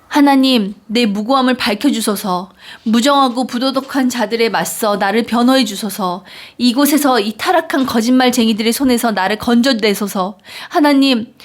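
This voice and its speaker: A woman reading psalms aloud in an earnest, measured way. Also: on the high side. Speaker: Bible reader. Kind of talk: scripture reading.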